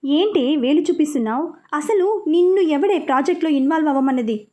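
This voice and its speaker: A woman's voice: sits high, expressive, brisk, mellow. A woman voicing a hot-tempered young male company director who scolds an employee. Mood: angry. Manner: scolding, irritated.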